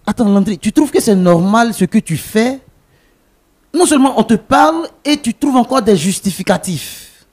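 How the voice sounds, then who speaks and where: An actor playing a betrayed husband who shouts and argues indignantly, his voice coming from off the mic. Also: big pitch swings, normal speed, breathy edge, exaggerated voice. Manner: shouting, high-pitched, agitated. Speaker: husband confronting his friend.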